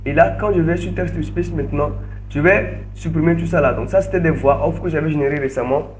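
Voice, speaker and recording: A man's voice: a little high, a little fast, a little hiss or hum. A man leading an online training session, narrating each click step by step and often repeating words over a video call. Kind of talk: screen-share tutorial.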